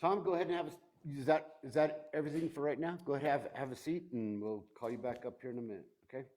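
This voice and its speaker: A man's voice: mid-range voice, fast talker, darkish tone. Man chairing a formal public hearing. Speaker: commission chairman.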